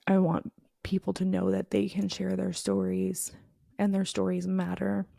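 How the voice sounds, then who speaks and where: A woman hosts her own podcast in a candid solo monologue, speaking earnestly, frustrated and emotional, and filling her talk with "like." Her mid-range voice is gravelly and warm, delivered completely flat at a normal speed. The studio recording is clean with no echo.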